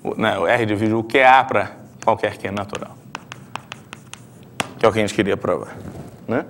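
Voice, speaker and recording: Against a noisy background, a middle-aged math professor with a Brazilian Portuguese accent lectures at the blackboard in a fairly low voice at a normal speed. He explains a proof as he goes, thinking aloud and frequently using tag questions.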